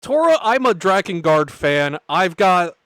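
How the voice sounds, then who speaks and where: Animated, high-voiced male streamer. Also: unhurried, no room sound, studio quality. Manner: animated, reactive, swears casually. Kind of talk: casual let's-play commentary.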